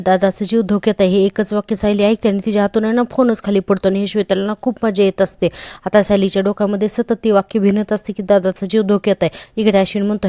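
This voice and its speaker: A woman hosting a serial review show chats casually through a TV episode recap, talking straight to her viewers and using lots of filler particles. Her voice is mid-range with a dark tone, and the recording is dry.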